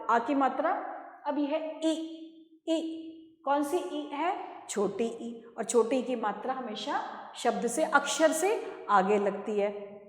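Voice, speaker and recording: Slow, echoey woman teacher. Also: high-pitched, a bit bright. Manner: slow, drawn-out teacher's pronunciation drills. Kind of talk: classroom lesson explanation. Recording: echoey room with long reverb.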